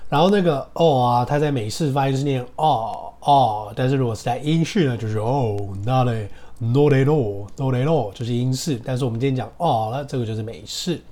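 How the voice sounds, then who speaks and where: A man with a Taiwanese Mandarin accent teaching English casually, drilling words slowly and laughing as he goes. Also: medium pitch, dark tone. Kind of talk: casual podcast English lesson. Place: hot room with motorbike traffic outside.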